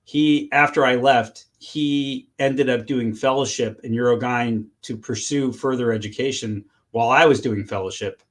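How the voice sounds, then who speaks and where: A middle-aged man speaks in an interview, answering questions as a surgeon. His speech is halting, full of restarts and fillers, and broken up by frequent laughs. His voice sits at a middle pitch. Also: steady tone.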